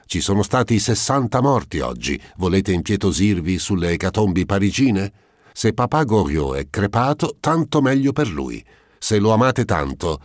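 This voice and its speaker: A man's voice: low-pitched, no echo, studio quality, voice pushed up. A man voicing a cynical painter who mocks a death at the dinner table, in an audiobook. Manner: sarcastic, flippant. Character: cynical mocking male painter, boarder.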